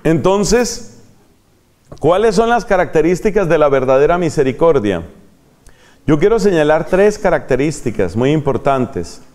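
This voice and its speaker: A man's voice: on the high side, very animated, measured pace, a little mellow. A man with a Colombian accent preaching a retreat sermon, repeating key phrases for emphasis and answering his own questions. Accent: Colombian Spanish.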